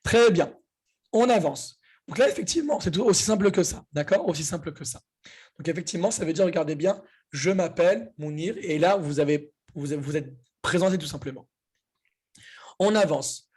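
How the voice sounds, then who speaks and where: Husky, lively male Arabic teacher. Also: a little high, moderate pace. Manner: lively, repeats key points, asks "d'accord?". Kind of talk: online class teaching.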